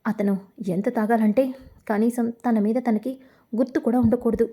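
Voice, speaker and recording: A woman's voice: a little high, fairly even intonation, moderate pace, mellow, lightly acted. A woman voicing a worried young woman who gives curt orders to a hired man. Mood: stern.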